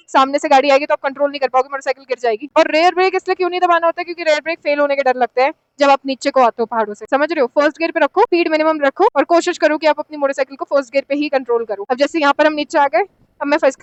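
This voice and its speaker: Young pahari girl talking to camera on a snowy mountain pass, high voice, excited and breathless, chatty vlog. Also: no room sound, lo-fi sound. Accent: Pahari-tinged Hindi. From Himachal Pradesh, India. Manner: chatty and excitable, addressing viewers directly. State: short of breath at altitude. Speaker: solo motorcycle travel vlogger. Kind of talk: casual travel vlog to camera.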